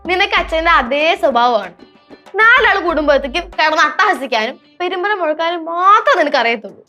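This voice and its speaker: A woman's voice: very high-pitched, animated, brisk, pushed and bright, soft background music, exaggerated voice. An actress playing a stern mother scolding her grown son in a TV sitcom. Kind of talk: TV sitcom acting.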